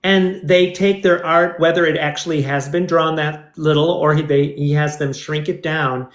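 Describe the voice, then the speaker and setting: A man's voice: on the high side, steady tone, normal speed. A man hosting a casual interview, easygoing and supportive, telling stories in a rambling way. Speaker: host. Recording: roomy echo.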